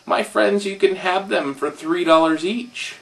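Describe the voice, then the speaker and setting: A man reading aloud and voicing a sly, fast-talking salesman with a smooth sales pitch, a little off-mic. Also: fairly bright tone, distant mic, heavily acted, rough recording.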